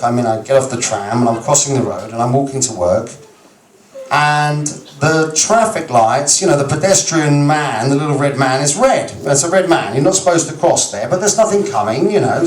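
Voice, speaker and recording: A man with an English accent doing a stand-up routine, telling a story in an animated, mock-exasperated way. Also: medium pitch, normal speed. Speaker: stand-up comedian. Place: comedy club stage. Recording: roomy live club recording from far off.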